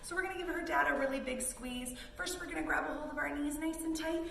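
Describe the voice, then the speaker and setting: A high, gravelly voice that sounds pushed and bright moves at a quick pace as a Canadian woman reads to kids and leads yoga with encouraging, simple cues. Echo fills the room, the mic is distant, and background noise is audible.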